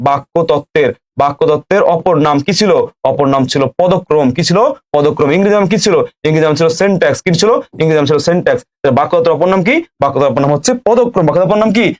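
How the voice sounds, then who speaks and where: A young man teaching a live online grammar class, repeating each question and answer as he quizzes students. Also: a little high.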